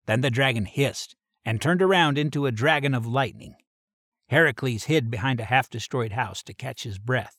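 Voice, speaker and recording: A man's voice: medium pitch, normal speed, fairly bright tone, no echo, clean studio sound. A man reading an adventure story aloud in a plain storybook manner.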